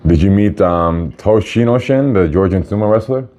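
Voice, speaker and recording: A man's voice: lowish voice, normal speed, dark tone. A man hosting a casual livestream, joking, laughing easily and asking his guest questions. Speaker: livestream host.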